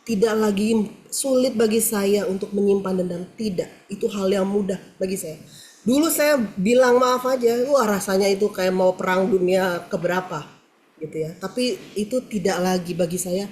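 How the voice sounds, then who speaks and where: A woman's voice: mid-range voice, moderate pace, a little mellow, a little hiss or hum. A woman giving an earnest, candid personal testimony over a video call, talking with many fillers. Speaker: participant sharing a testimony. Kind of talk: personal testimony in an online prayer meeting.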